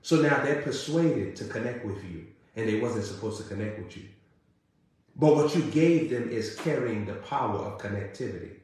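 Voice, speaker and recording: A man preaching a sermon, building through emphatic repeated questions and then dropping to a low, intimate tone. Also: animated, moderate pace, a little mellow. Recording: very echoey room.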